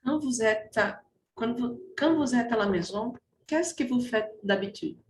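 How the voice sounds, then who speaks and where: A woman's voice: a little high, unhurried, a little mellow. A woman student and native Portuguese speaker, tentatively answering in French during an online class. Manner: tentative, repeats herself. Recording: echoey room with faint noise.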